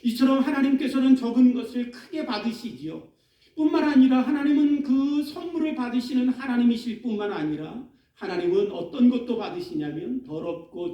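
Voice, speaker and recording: A man's voice: extremely high pitch, mellow. A man preaching a sermon as pastor, dramatic, acting out laments in a raised voice. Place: church sanctuary. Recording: echoey church hall, mic at a distance.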